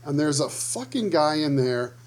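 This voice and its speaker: A man's voice: on the high side, expressive, moderate pace. A man co-hosting a casual chat show, telling stories and acting out the people he quotes, swearing freely. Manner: profane storyteller, acts out quoted dialogue. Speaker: podcast co-host.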